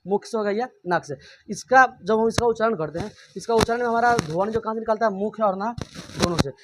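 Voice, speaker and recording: A man's voice: high voice, background noise. A man teaching a grammar lesson. He keeps asking and answering his own questions and repeats every point.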